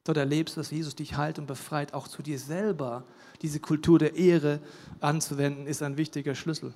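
Man, preacher, sermon, emphatic, loud to hushed swings, fairly high voice, long hall echo. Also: little pitch movement, moderate pace.

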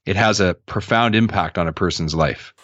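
On a podcast, a man in his thirties tells his life story candidly as the guest, earnest and reflective, growing animated when quoting others. His voice is low and his pace normal. The recording is muffled but has no echo.

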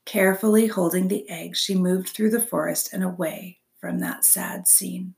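A woman reading a chapter book aloud as a storyteller, expressive and dropping to soft whispers for suspense. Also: fairly low pitch, normal speed, vocal fry. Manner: expressive, drops to soft whispers for suspense, asks listeners questions.

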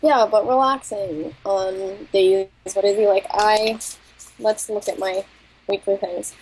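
A woman's voice: medium pitch, steady tone, takes it slowly, a little mellow, a little hiss or hum, poor audio. A woman co-hosting a language-learning podcast, talking candidly and casually, a bit self-conscious, laughing often. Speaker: podcast co-host. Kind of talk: casual chat.

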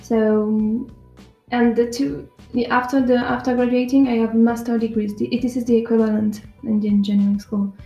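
A woman's voice: fairly high pitch, flat delivery, moderate pace, warm tone. A woman in her early twenties from France, with a French accent, answering casually and hesitantly as a radio guest. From south of France. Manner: hesitant, searching for words. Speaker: volunteer guest on a radio show. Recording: roomy echo, faint music behind.

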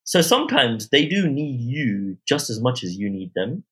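Bright-voiced south London man, slangy storyteller. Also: mid-range voice, normal speed. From Croydon, south London, England. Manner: animated slangy storytelling with tag questions like innit and yeah. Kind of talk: casual anecdotal chat.

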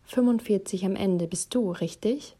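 A woman's voice: medium pitch, moderate pace, warm tone, lightly acted. A woman voicing a vain, stubborn middle-aged Roman husband who drops Italian phrases and bursts out dramatically. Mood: casual.

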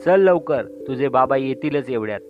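A man's voice: medium pitch, lively intonation, moderate pace, close to an everyday voice. A man voicing a flustered, fussy middle-aged mother in a storybook reading, scolding and protesting, on a dull lo-fi recording with faint music. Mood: fussing.

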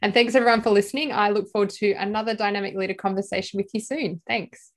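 A woman's voice: medium pitch, steady tone, fast. A woman hosting a podcast interview, enthusiastic and affirming, later reading a closing outro. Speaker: podcast host.

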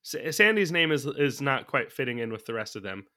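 A man's voice: medium pitch, expressive, fast, sharp tone. A man chatting casually about a movie as a podcast co-host, thinking aloud from his notes and laughing often. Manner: laughs often while talking.

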